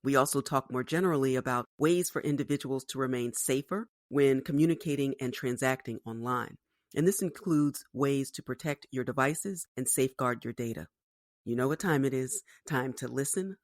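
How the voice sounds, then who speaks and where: A woman's voice: extremely low pitch, normal speed, no room sound, clean studio sound. A woman hosting a podcast, reading an upbeat scripted intro and then chatting with her guest. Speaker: podcast host.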